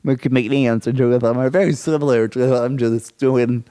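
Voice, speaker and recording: A man co-hosting a comedy podcast in casual chat. He rambles excitedly and often restarts his sentences. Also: medium pitch, normal speed, clear, resonant tone.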